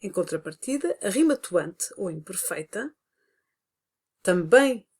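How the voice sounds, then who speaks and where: A woman's voice: mid-range voice, big pitch swings, measured pace, a little mellow, slightly rough. Hesitant European Portuguese woman teaching. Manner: explanatory, with frequent hesitant fillers. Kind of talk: recorded online lesson.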